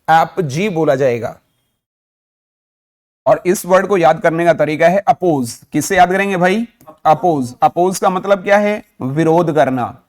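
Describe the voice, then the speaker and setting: A male Indian-accented teacher leads a vocabulary and pronunciation class, speaking slowly and with deliberate care. His voice sits a little high for a man. He quizzes the students with short questions and then supplies the answers himself. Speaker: English teacher. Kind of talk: vocabulary lesson.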